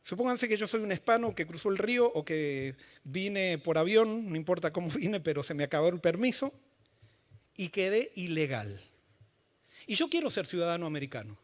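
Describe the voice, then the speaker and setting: A male pastor preaching a sermon in church, explaining scripture through everyday stories and building to emphatic, forceful points. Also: sits high, very animated, normal speed.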